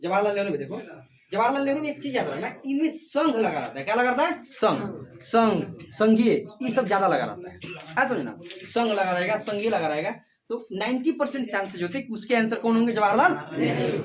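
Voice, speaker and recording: A man's voice: sits high, big pitch swings, a little fast, far from the mic. A male teacher lecturing and drilling a class, repeating questions and calling students beta. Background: students answering.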